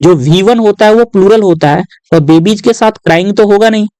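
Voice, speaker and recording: A man tutoring students through exam questions in a patient, step-by-step way, often adding short tag questions and reading English lines aloud slowly. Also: high-pitched, a little mellow, dry recording, low-quality recording. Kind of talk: exam-prep lesson walkthrough.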